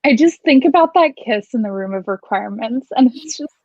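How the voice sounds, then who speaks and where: A woman's voice: on the high side, expressive, fairly quick, darkish tone, no room sound. A woman chatting casually with friends in a wry, candid, hesitant way on slightly muffled audio. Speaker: guest on a book chat livestream. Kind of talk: casual group chat.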